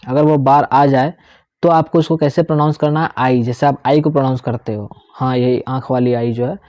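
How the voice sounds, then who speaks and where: Dry, mellow-voiced male teacher. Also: medium pitch, fairly even intonation, brisk, no echo. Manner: explains step by step, repeats key words, checks in with "theek hai". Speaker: English vocabulary teacher. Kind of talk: Hindi-English lesson explaining pronunciation.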